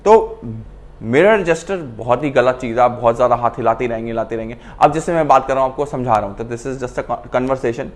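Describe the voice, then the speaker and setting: Speaking to camera at a fairly quick pace and medium pitch, a male acting coach teaches acting. He explains in a casual mix of Hindi and English, acting out lines to illustrate his points.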